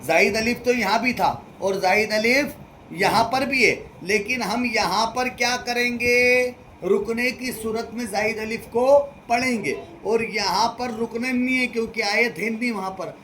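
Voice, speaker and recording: A male religious teacher leading a call-and-response lesson, speaking slowly and repeating phrases for students to echo back. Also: very high voice, bright, forceful tone, a little hiss or hum. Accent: Hindi-Urdu speaker from central India.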